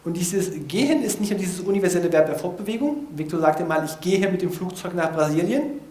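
A man's voice: high voice, lively intonation, brisk, darkish tone. A man in an informal setting explaining foreign vocabulary to listeners, thinking aloud with frequent hesitations. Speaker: language learner presenting vocabulary notes. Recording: echoey room.

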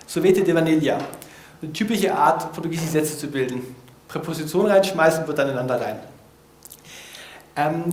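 In an echoey room, a man reads through his vocabulary notes for listeners, explaining foreign words casually and stumbling into frequent hesitations while thinking aloud. His voice is on the high side with a darkish tone.

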